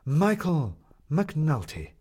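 A booming, grandiose showman, as a man reading the story puts him on, working his crowd with slow, drawn-out proclamations. His voice rides high and swings widely in pitch, with a husky grain underneath. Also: wildly swooping pitch, a little mellow, full character voice. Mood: theatrical.

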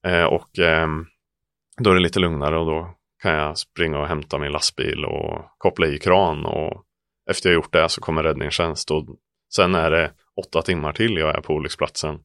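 A man's voice: rumbling low, little pitch movement, vocal fry, a bit bright, dry recording, studio quality. A man from Sweden who owns a trucking company, earnestly recounting a frightening event step by step as a podcast guest. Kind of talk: personal account in a podcast interview.

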